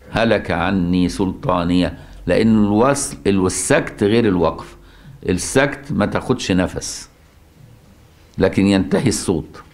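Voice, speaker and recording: Egyptian male recitation teacher, casual explainer, slows down to recite verses, keeps asking if you follow. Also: mid-range voice. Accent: Egyptian Arabic. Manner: checks understanding with frequent rhetorical questions. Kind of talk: explaining a classical text in colloquial speech.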